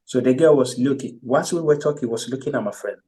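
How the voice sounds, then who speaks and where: A man from Ghana, appearing as a guest in a casual chat, tells stories in a relaxed, hesitant manner full of pauses and ums. His voice is medium in pitch, and he sits far from the microphone.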